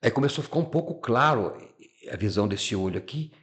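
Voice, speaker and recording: A man's voice: mid-range voice, expressive, quick pace, fairly bright tone. A man giving a personal testimony as a podcast guest, telling a life story with feeling, repeating words and acting out the people he quotes.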